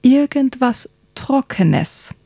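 A woman's voice: high-pitched, lively intonation, very slow, vocal fry, dark tone, no echo, clean studio sound, voice pushed up, full character voice. A woman voicing a polite, exasperated talking horse who serves a young prince in a children's story. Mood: patient, reproachful.

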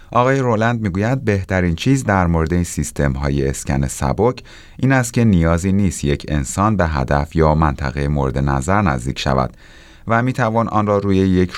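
Guy reading scripted tech news, super deep voice, dry close studio sound. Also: dry recording. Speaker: technology news presenter.

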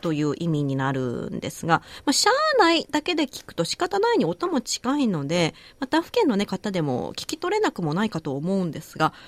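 A woman with an Osaka accent teaching her dialect on a casual radio lesson, gentle and encouraging, laughing easily. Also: mid-range voice, wildly swooping pitch, brisk, hardly any pauses, no room sound.

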